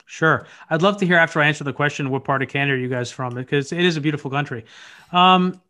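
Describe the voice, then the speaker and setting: Guy on a video call thinking out loud, keeps restarting, kinda high voice. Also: fast talker. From United States. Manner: thoughtful, searching, frequent restarts. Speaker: podcast host appearing as guest. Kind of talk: casual interview conversation.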